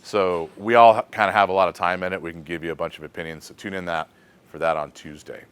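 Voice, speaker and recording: A man with an American accent hosting a casual shop question segment, thinking aloud in a relaxed way with frequent fillers. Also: sits low, quick pace, clean tone.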